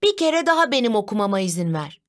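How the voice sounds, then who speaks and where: A woman voicing Bartu, an eager, playful little boy, in an excited, shouting child voice for a storybook reading. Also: medium pitch, fast, close to an everyday voice.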